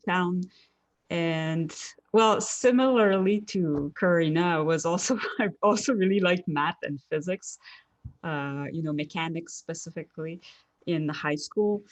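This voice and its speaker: A woman from Quebec, Canada, speaks as an interview guest with a fairly low voice. She hesitates often and slips short laughs between her phrases. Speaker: engineering professor, guest. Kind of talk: casual interview answers.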